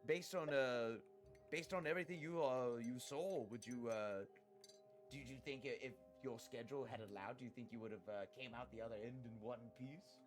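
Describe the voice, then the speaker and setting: A man's voice: medium pitch, moderate pace, faint music behind. A man hosting a live stream, chatting casually and rambling through mock-grand stories with friends. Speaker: streamer host.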